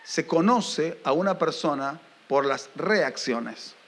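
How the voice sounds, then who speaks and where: Animated high-voiced preacher man. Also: slow. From Argentina. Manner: animated preaching with rising emphatic questions; jokes with the congregation. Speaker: pastor. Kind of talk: sermon.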